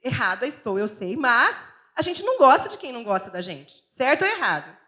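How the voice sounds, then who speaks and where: Chatty, high-voiced Brazilian woman pastor. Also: a little fast. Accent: Brazilian Portuguese. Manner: chatty, expressive, self-mocking and candid. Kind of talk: sermon. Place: church.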